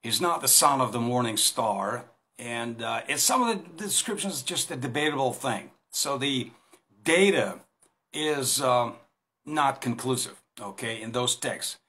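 A Russian-accented man in his fifties, a Bible teacher, speaks a little slowly in a sharp, mid-range voice to a phone held at arm's length. Against a plain wall in a small room, he gestures as he talks, hesitating with lots of fillers and restarts in this informal recorded Bible talk.

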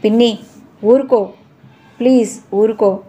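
A woman voicing a caring young woman in an audio novel, gently coaxing and soothing. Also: fairly high pitch, steady tone, slow pace, faint music behind. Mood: consoling.

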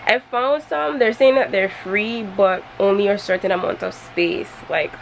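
A young woman vlogging casually from her car, with a low, nasal morning voice and a chatty, candid manner. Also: normal speed, creaky, a little hiss or hum. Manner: chatty, candid, laughs easily. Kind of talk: casual vlog chat.

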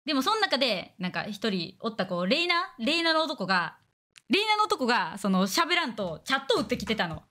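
A woman's voice: on the high side, very animated, pushed and bright. A young woman with a Kansai accent, chatting bluntly and crudely on a casual stream. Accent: Kansai Japanese. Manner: blunt, crude, fast banter with acted-out quotes.

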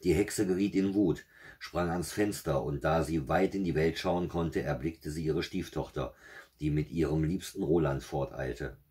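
A man with a husky voice reading a fairy tale aloud in a steady, measured way. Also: rumbling low. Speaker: storyteller.

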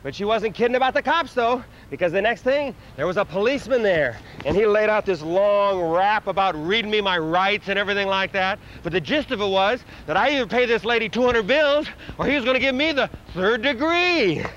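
A man performing an animated comic monologue outdoors in a city park, acting out voices and sound effects, on a dull lo-fi video recording. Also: high-pitched, a little fast, few pauses. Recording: dull lo-fi outdoor video with faint street noise.

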